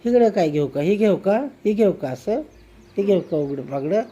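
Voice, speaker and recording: A woman's voice: fairly low pitch, expressive, moderate pace, warm tone, muffled recording. A woman filming a home video on a handheld phone, coaxing and teasing a child, with frequent exclamations. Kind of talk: casual home video chat.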